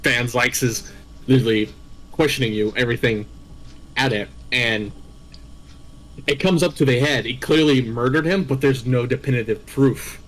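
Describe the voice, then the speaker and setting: Male host, mid-pitched, loose and rambling, laughs as he retells a game story. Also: moderate pace, pauses often, low-quality recording. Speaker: host recapping game villains. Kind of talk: casual chat.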